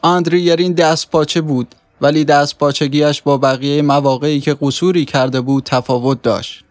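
A male narrator reading a short story aloud with steady pacing, his voice a little higher than usual. The recording is dry and close. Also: dry recording. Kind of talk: scripted audiobook narration.

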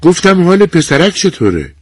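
A man voicing a brisk, impatient nurse who asks curt, firm questions in a raised voice. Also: sits high, big pitch swings, husky, no room sound, studio quality, voice pushed up, full character voice.

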